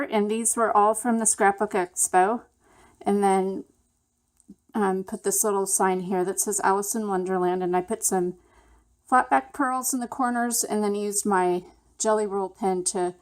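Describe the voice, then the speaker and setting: A woman hosting a craft channel, casually walking through a handmade project step by step in a relaxed, chatty way. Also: medium pitch.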